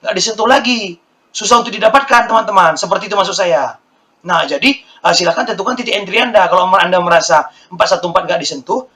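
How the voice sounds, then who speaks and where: A man with a hoarse, slightly raised voice gives a quick-paced stock market lesson over his charts. He circles back to the same figures again and again and keeps speaking to the viewers as friends. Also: sits high, bright, forceful tone. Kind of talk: screen-share stock chart walkthrough.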